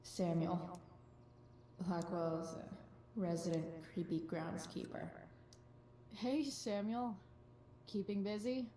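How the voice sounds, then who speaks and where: A woman's voice: lowish voice, steady tone, slow, long pauses, warm tone, roomy sound. An actress playing a sarcastic, rebellious teenage girl in a video game, talking in dry, guarded slang. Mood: dry, mocking.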